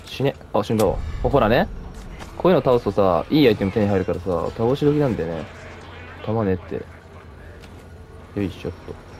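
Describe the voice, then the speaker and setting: A man giving casual, excitable commentary on a horror game he is playing, reacting loudly, joking to himself and mouthing silly sound effects. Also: lowish voice, moderate pace, long pauses, slight background noise. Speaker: let's play commentator.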